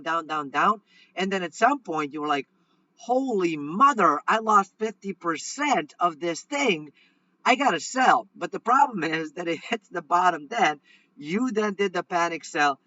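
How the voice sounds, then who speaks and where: Emphatic bright-voiced man hosting a money show. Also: fairly high pitch, no room sound, dull audio. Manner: emphatic, repeats points, acts out inner voices. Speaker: host. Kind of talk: casual talk-show commentary.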